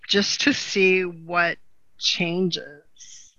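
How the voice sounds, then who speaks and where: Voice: medium pitch, flat delivery, drawn-out words, sharp tone, no echo, lo-fi sound. A podcast co-host in a casual, rambling chat, with many "you know" fillers and frequent laughter.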